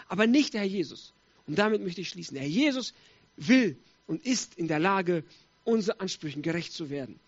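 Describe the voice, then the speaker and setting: High, animated preacher man. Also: muffled recording. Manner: emphatic, with rhetorical questions to the congregation. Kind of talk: sermon.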